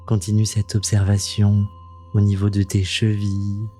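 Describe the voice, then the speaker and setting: A man leading a guided meditation in a soothing, gentle, intimate voice that sounds close to the ear, unhurried and calming, as the host of the practice. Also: lowish voice, soft background music. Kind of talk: slow guided meditation narration.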